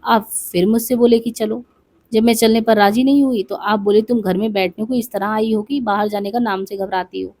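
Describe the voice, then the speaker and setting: A woman's voice: on the high side, fairly even intonation, fairly quick, a little mellow. A woman reading a memoir aloud for exam study, voicing its dialogue with small asides and restarts.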